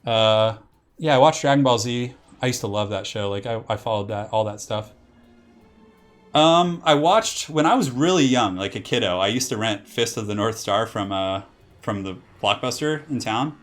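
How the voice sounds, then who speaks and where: With soft music playing behind him, a young Californian streamer casts a strategy game at normal speed in a lowish, animated voice. He banters with his chat, rambling through many "like"s and false starts.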